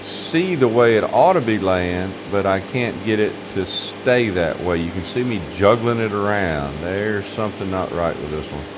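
A man's voice: low-pitched, lively intonation, moderate pace, hardly any pauses, noisy background. An older man with a Southern US accent, a sawmill owner narrating his work video in a wry, grumbling, folksy way.

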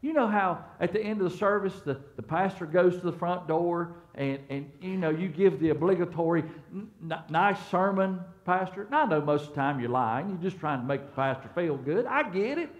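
A middle-aged man preaches a sermon in a church sanctuary, his voice sitting a little high for a man. He talks to the congregation like a friend, dropping to a hushed storytelling tone and then climbing to loud, emphatic peaks. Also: lively intonation, fairly quick, hardly any pauses. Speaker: pastor.

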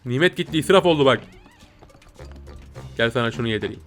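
A young man giving playful, excitable commentary while playing a video game, often jumping to high squeals. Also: a little fast, faint music behind. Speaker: gameplay streamer.

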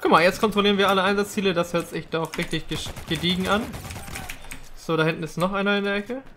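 A man's voice: high-pitched, steady tone, fast, a bit bright, a little hiss or hum. A young man gives chatty, slangy let's-play commentary, rambling casually with English gamer words mixed in. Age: young adult. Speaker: gaming video host.

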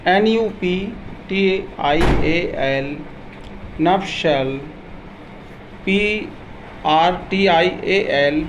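Indian-accented male tutor, high-pitched, spells words out letter by letter at a crawling pace, with a faint background hiss. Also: poor audio. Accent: Indian English. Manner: slow, deliberate dictation. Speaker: English pronunciation teacher. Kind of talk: spelling out words letter by letter, then pronouncing them.

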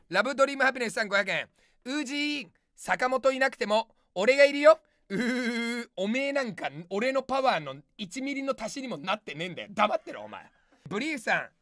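A very high-pitched man in his thirties rants back at every viewer comment on a studio livestream. His bright, forceful voice swings wildly in pitch and has a gravelly edge, with a dry, close sound. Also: no echo. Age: 30s. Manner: snapping, ranting retorts with frequent shouted outbursts. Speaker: comedian streamer. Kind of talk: improvised angry comment replies on a livestream.

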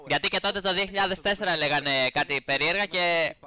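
A young man, chatting rowdily on his stream and telling stories with lots of swearing. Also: high-pitched. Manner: rowdy, swearing, animated storytelling. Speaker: streamer reacting to his team's match. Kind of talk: casual stream chat.

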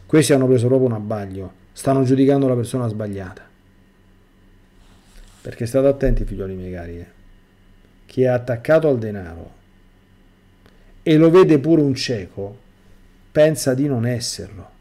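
A man's voice: mid-range voice, moderate pace, pauses often, warm tone. A middle-aged priest reading a testimony aloud in a sermon and breaking off to exhort his listeners.

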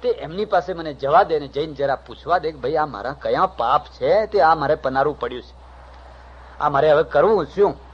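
A man, a swami, giving a humorous spiritual discourse in a lively storytelling manner on a dull lo-fi cassette recording. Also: fairly high pitch, normal speed, breathy edge. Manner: lively storytelling, acts out characters' voices.

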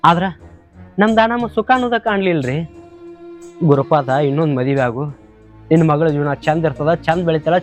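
A man's voice: on the high side, a little mellow, natural voice. A man playing a troubled village father. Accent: North Karnataka Kannada. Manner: pleading, troubled. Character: troubled remarried village father, middle-aged. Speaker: worried father, husband in a village drama. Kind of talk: village short film drama acting.

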